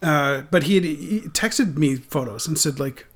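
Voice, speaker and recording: A man in his forties speaking in a somewhat high register for a man. He rambles and restarts his sentences often, swearing casually as he talks things through on a podcast. The tone is open and unguarded. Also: lively intonation, a little slow, slightly rough. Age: 40s. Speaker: guest.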